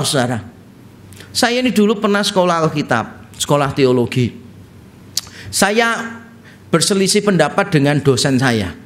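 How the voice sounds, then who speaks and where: A middle-aged pastor from Indonesia delivers an expository sermon with a high voice. He tells stories in a lively way, his pitch swinging wide.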